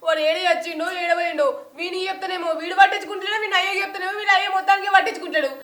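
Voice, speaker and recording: A woman's voice: extremely high pitch, steady tone, racing, bright, forceful tone, roomy sound. A woman playing a weepy village mother with a Telangana accent. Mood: worried, tearful. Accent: Telangana Telugu. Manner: weepy, scolding. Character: anxious village mother, tearful, scolding. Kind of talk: village family drama.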